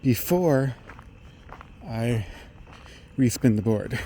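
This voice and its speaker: A middle-aged man thinks aloud in a halting technical monologue while walking outdoors along a road. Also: medium pitch, lively intonation, mellow. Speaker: vlogger. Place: outdoors on a residential roadside. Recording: outdoor street noise, passing vehicles.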